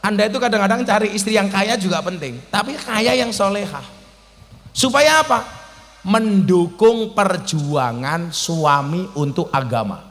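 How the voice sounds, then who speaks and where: A man gives a comic sermon to an outdoor crowd, with a high, bright, lively voice. He teases the audience and swings between loud exclamations and quiet asides. His voice rings out with a long reverb, as if through a public address system. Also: measured pace. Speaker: preacher. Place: mosque courtyard event, outdoors.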